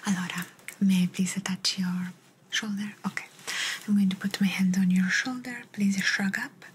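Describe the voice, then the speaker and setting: A young woman playing a calm, encouraging Italian clinician in a whispered role-play, giving gentle step-by-step instructions in an Italian accent. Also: mid-range voice, moderate pace, slight background noise, lightly acted. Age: young adult. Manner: gentle step-by-step instructions with repeated short praise. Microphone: close ASMR microphone.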